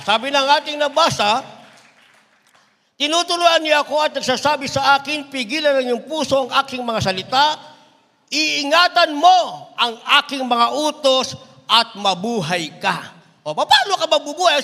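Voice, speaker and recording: A middle-aged man preaching an impassioned sermon, swinging between shouts and low asides. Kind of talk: Tagalog sermon. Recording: long hall reverb.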